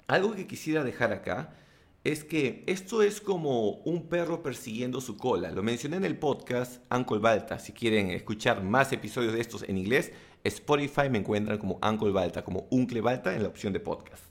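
A man giving motivational tips in a casual monologue to camera, blunt and crude with animated asides. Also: mid-range voice, normal speed. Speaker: self-help vlogger and coach.

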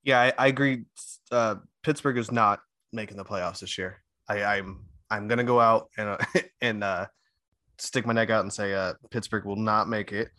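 A man's voice: fairly low pitch, fairly even intonation, moderate pace, sharp tone, no room sound, clean studio sound. A man co-hosting a casual sports podcast, hesitant, mulling his picks aloud with hums and fillers. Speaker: podcast co-host.

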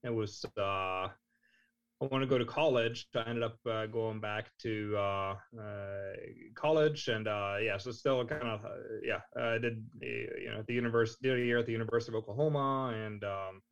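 A man in his thirties from Norway, a podcast guest chatting casually, talking in halting phrases with many fillers. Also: fairly low pitch, clean tone. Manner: halting, lots of fillers and restarts. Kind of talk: casual chat. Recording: slightly dull lo-fi sound.

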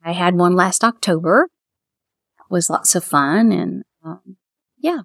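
A middle-aged woman with a Kentucky accent, a bridal shop owner talking warmly and at length in a casual interview. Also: fairly low pitch, measured pace, creaky, no echo, studio quality. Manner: chatty, heartfelt, quotes others in lively voices.

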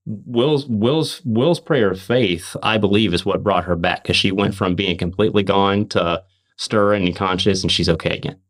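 Man, low-pitched voice, earnest testimony, emphatic, repeats and restarts, podcast storytelling. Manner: emphatic, fast and repetitive restarts. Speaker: podcast host.

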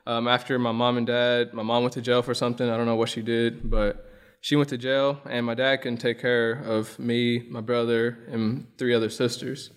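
A young man from Illinois talks through his background in an easy, rambling manner, pausing on fillers as he goes. His voice is smooth and resonant. The recording carries a long reverb, as if it were made in a large hall. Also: mid-range voice. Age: young adult. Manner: relaxed, rambling storytelling with many fillers. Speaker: guest. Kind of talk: casual conversation.

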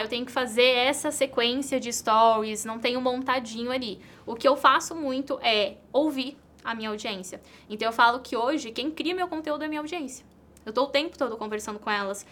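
A Brazilian woman with a fairly high, bright voice, speaking as an entrepreneur in an interview. She talks earnestly and repeats her key points for emphasis. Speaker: entrepreneur and content creator. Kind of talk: interview answers.

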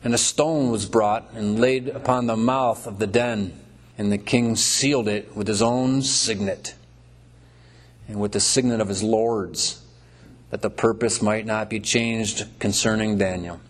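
A man's voice: fairly low pitch, steady tone, a little slow. A man preaching a sermon in a church, breaking up scripture readings with folksy, conversational asides. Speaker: pastor. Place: church before a congregation.

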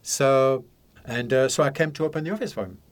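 A man's voice: mid-range voice, fairly quick. A man in his seventies from Algeria and France, a psychic counsellor guest telling rambling stories with frequent laughs in a podcast studio. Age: 70s. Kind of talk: casual interview chat.

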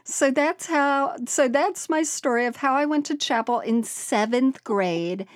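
A woman's voice: high voice, unhurried, no room sound, clean studio sound. A woman podcast co-host reading a listener's story aloud, often breaking into laughter and exclamations.

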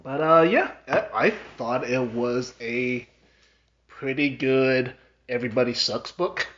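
A laid-back male podcast co-host chats casually, chuckling and trailing off into fillers. His medium-pitched voice is a bit bright and he takes it slowly, all on dull, lo-fi podcast audio.

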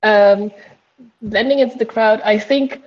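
A woman's voice: medium pitch, unhurried, muffled recording. A woman playing a tabletop game, talking casually and hesitantly with many fillers. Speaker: player. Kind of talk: casual chat while playing.

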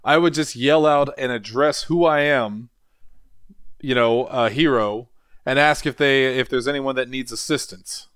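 A man with a clear, smooth voice, recorded close and dry, chats as a player in a tabletop game. His talk is casual and playful, full of crude joking. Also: medium pitch, a little slow, fairly bright tone, no room sound.

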